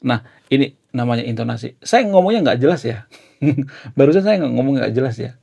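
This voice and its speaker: A man's voice: mid-range voice, expressive, brisk, vocal fry, mellow, slightly rough, lo-fi sound. A young man explaining casually in a chatty way, peppering his sentences with fillers. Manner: chatty, filler-heavy, often ends with "ya". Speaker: YouTuber.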